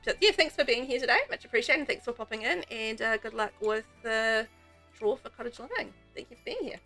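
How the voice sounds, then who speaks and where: A woman's voice: on the high side, lively intonation, fairly quick, sharp tone, soft background music. A woman from New Zealand with a New Zealand accent, streaming a game and chatting casually with viewers in a rambling way. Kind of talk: casual chat while playing.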